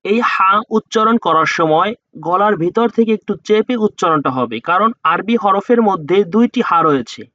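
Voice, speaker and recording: A man's voice: sits high, expressive, normal speed, pushed and bright, no room sound, lo-fi sound. A man teaching Quran pronunciation, patiently explaining how to shape each letter and sounding it out two or three times. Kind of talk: slow letter-by-letter pronunciation lesson.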